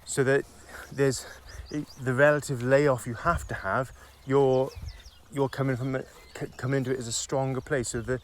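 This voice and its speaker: A man's voice: medium pitch, little pitch movement. Man explaining things on a woodland walk. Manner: explanatory, halting restarts. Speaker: physiotherapist podcast co-host. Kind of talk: casual chat on a walk. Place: outdoors in woods on a walk. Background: faint birdsong and nature ambience.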